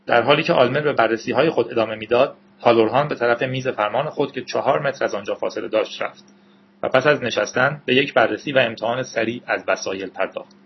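Male narrator for an audiobook, measured and even, middle pitch; dull, muffled recording. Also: slight background noise.

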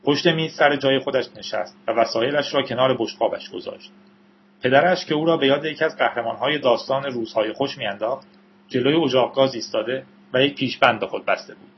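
A man reading a novel aloud as an audiobook narrator, in steady storytelling with the odd aside to listeners. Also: medium pitch, highs cut off, a little hiss or hum.

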